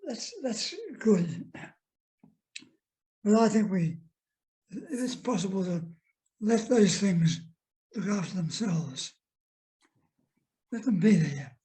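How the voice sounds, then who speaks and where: Slow, mellow older man. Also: sits high, animated, rough recording. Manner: gentle, halting, trailing into soft asides. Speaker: guest minister. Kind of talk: reflective conversation.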